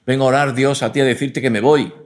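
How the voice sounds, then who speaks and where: Headstrong believer, raised and defensive, put on by a preacher. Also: male voice, medium pitch, steady tone, quick pace, pitched above the performer's own voice, lightly acted. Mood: insistent. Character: headstrong believer set on leaving.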